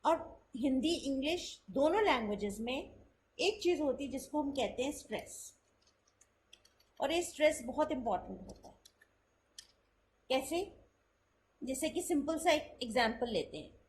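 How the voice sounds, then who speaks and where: A woman teaching spoken English in a lesson, explaining step by step in Hindi mixed with English and saying sample sentences slowly to show the contrast. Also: sits high, animated, slight background noise, rough recording.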